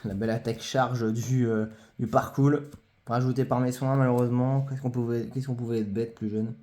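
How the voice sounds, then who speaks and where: This collector has a mid-range, dark-toned voice and a flat delivery at normal speed. He casually displays his trading cards for a vlog, speaking hesitantly with frequent fillers and repeated phrases.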